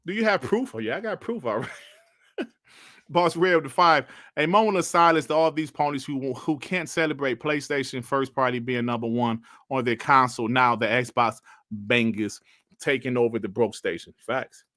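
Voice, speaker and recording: A man in his forties chatting casually on a livestream, reading out chat messages and bantering with loud laughs and slang. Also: mid-range voice, moderate pace, dry recording, studio quality. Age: 40s. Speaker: streamer reading live chat.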